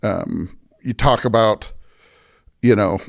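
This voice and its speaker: In a conversational podcast interview, an American man speaking as a pastor explains his beliefs earnestly and emphatically, often checking in with "right?" and "you know". His voice is fairly low, slow and creaky.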